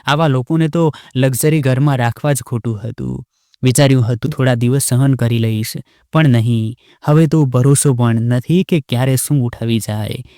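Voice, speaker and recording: A man voicing an arrogant, scornful rich young wife who taunts and shouts in a sharp voice. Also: medium pitch, moderate pace, no echo, clean studio sound, natural voice.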